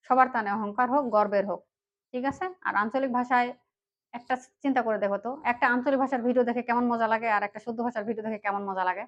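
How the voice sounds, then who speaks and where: Woman vlogger, northern Bangladeshi dialect, earnest, pitched a bit high, muffled lo-fi sound. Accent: Panchagarh northern Bangladeshi dialect. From Panchagarh, northern Bangladesh. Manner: earnest, keeps asking "right?" to the viewers. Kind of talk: direct-to-camera talk.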